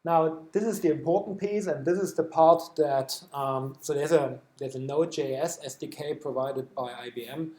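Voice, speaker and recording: A man with a German accent walks a meetup crowd through a coding demo, pausing on ums and restarting phrases. His voice sits a bit high but soft and mellow. The room is echoey. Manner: explanatory, with frequent fillers and restarts. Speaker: software developer presenting at a meetup. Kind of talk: technical talk with live demo.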